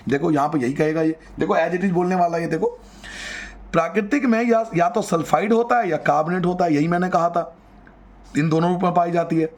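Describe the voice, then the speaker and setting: Lively, high-voiced teacher, man. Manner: lively, coaxing, repeats key terms, addresses students directly. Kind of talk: chemistry lesson for class 10 students.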